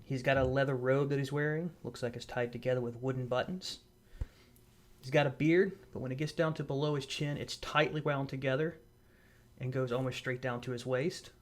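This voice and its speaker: A man running a tabletop game as game master, describing scenes in measured detail with small restarts, on a voice call. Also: mid-range voice, fairly even intonation, a little hiss or hum.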